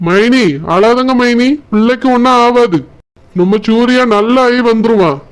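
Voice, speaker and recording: A man voicing a calm brother-in-law in a cartoon who reassures the family, with a Kanyakumari Tamil accent. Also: extremely high pitch, measured pace, smooth. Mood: reassuring. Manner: steady, reassuring.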